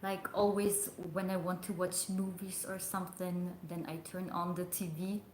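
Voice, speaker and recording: A woman's voice: lowish voice, level tone, normal speed, a little mellow, a little hiss or hum. A young adult woman chatting casually on a livestream, rambling and hesitant with lots of fillers. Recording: echoey room.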